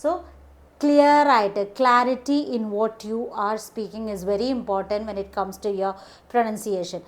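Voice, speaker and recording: A woman with a Malayali English accent teaches an exam lesson, stating each point slowly in English, then explaining it quickly in Malayalam, with frequent "okay". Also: on the high side, steady tone. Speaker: English test tutor. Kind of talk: classroom-style lesson.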